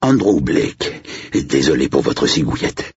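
An elderly English butler, polite and formal, his voice quavering and pushed higher than a deep raspy base, as a male narrator puts him on. He sounds nervous and stiff. The recording is dull and dry. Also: lively intonation, a little slow, no room sound, full character voice. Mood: timid.

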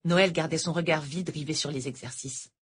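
A woman with a low, husky voice reads a novel aloud. Her narration is calm and even, a steady storytelling delivery. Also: normal speed. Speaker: audiobook narrator. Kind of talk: scripted narration.

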